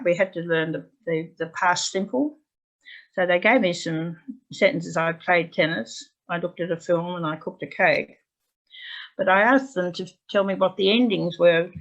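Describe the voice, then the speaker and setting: A woman English teacher telling a classroom story to fellow teachers, chatty and rambling, speaking from home on a video call. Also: on the low side. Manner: chatty, rambling, with fillers and restarts. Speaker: English language teacher presenting. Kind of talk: anecdotal presentation to teachers. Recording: dull lo-fi video call audio.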